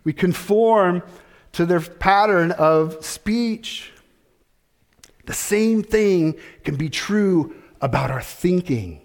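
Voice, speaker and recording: A middle-aged male pastor delivers a sermon at an unhurried, deliberate pace. His voice sits a little high for a man. He leans on repeated phrases and rhetorical questions. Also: lively intonation.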